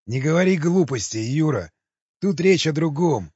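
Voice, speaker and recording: A man voicing a rough male cannibal wanderer who talks bluntly in slang, in an audiobook. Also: a little high, lively intonation, moderate pace, a little mellow, dry recording, pitched above the performer's own voice. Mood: gruff. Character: gruff male cannibal wanderer, sensing things. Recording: dull lo-fi audio with faint music.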